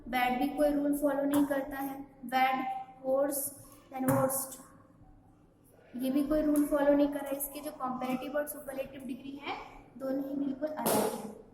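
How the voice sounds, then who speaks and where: A woman's voice: sits high, little pitch movement, normal speed, a little mellow, far from the mic. A woman teaching English grammar to a class, spelling words letter by letter and checking with the class as she goes. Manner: asks the class questions and checks "okay?". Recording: echoey hall with faint background noise.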